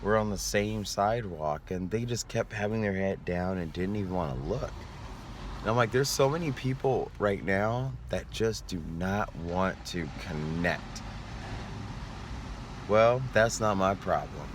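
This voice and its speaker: Male vlogger, low voice, tired and yawning, earnest and rambling; noisy outdoor street recording. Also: measured pace. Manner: rambling, earnest, sometimes trailing off. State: sleepy, yawning. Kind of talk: reflective vlog monologue.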